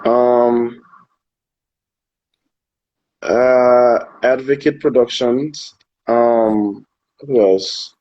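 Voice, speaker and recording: A man from Anguilla, a soca artist chatting casually in an interview, relaxed and hesitant, often repeating words while he thinks. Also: medium pitch, drawn-out words, pauses often, lo-fi sound. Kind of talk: casual interview over a live video call. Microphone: phone on a live video stream.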